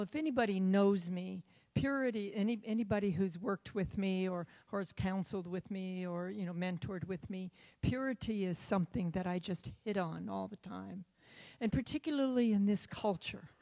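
A woman in her seventies giving an earnest church testimony, halting and often repeating her words. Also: mid-range voice, warm tone. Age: 70s.

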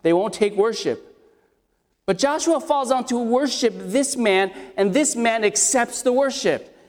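His voice is very high, expressive, and scratchy as he preaches an expository sermon without hurrying. The man addresses his listeners conversationally, asking them questions, in a room with long hall reverb.

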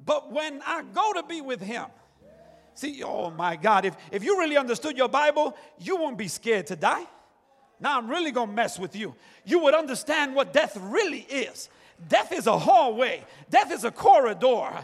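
A middle-aged man preaching a fervent sermon in a church, shouting and calling out hallelujah again and again. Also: very high voice, very animated, moderate pace. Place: church sanctuary. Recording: long church reverb with faint music.

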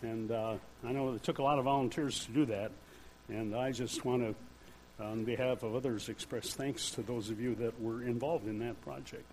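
An older man preaching a sermon in a church, earnest and measured, with pauses. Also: mid-range voice, steady tone, darkish tone, a little hiss or hum, rough recording. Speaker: church speaker.

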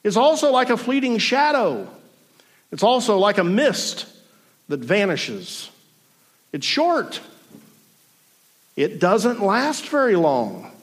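High-voiced man in his forties preaching. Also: big pitch swings, takes it slowly, pauses often. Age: 40s. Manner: reflective, with dry self-deprecating humor. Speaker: pastor. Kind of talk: sermon. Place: room before a congregation.

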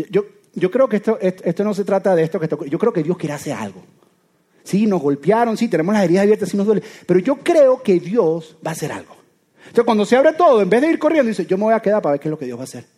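A man delivers a sermon in a high voice that climbs and dips freely. He keeps it conversational and animated, firing off rhetorical questions at his listeners. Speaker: preacher.

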